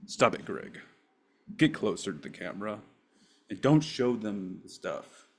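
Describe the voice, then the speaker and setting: Low, lively-voiced man joking to himself. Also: unhurried, slightly rough. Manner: jokey, self-mocking, mutters and curses while fiddling with gear. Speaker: podcast host. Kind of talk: rambling solo setup chat.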